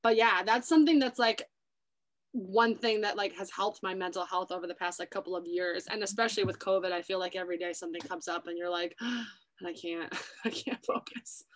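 A woman's voice: mid-range voice, steady tone, fast talker. Chatty young woman hosting a casual talk. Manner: chatty, many "like" fillers. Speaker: YouTube host. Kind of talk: casual chat. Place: New York City.

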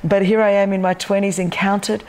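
This talk show guest, a woman in her fifties from Australia, has a medium-pitched, level, slightly mellow voice and talks fairly quickly. Passionate and emphatic, she keeps both hands moving as she gives her animated testimony on a big wood-beamed loft set.

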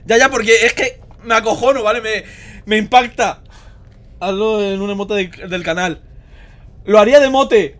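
A young man from Spain with a Spanish accent, streaming a horror game live, often panicking and screaming with rapid repeated words. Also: extremely high pitch.

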